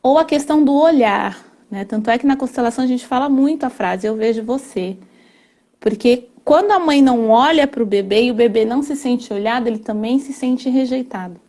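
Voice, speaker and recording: A woman talks earnestly as a family constellation therapist, pausing often and checking in with little tag questions. Her voice sits a bit high and sounds soft and mellow. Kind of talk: explanatory conversation.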